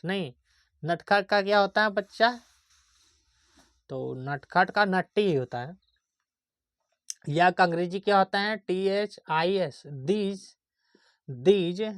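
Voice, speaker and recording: A man teaching basic English grammar in a slow, patient classroom manner, spelling words out letter by letter and often checking that students follow. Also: sits high, fairly bright tone, dry recording, studio quality.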